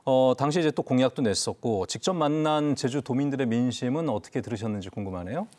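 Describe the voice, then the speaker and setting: A man's voice: mid-range voice, quick pace, a little mellow. A man with a Jeju accent hosting a regional current-affairs interview, asking questions in a polite, formal manner. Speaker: host.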